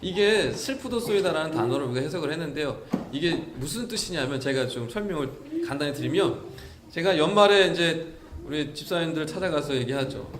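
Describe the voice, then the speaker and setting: A male pastor delivers a Sunday sermon with a high voice that swoops over a wide range. He preaches in an animated way, asking his congregation questions, and his voice rings through a roomy church hall. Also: a little fast, background noise. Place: church sanctuary.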